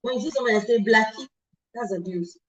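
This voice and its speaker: A middle-aged woman hosting a talk show, animated, with many asides and self-corrections. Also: fairly high pitch, rapid-fire, highs cut off, a little hiss or hum. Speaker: host.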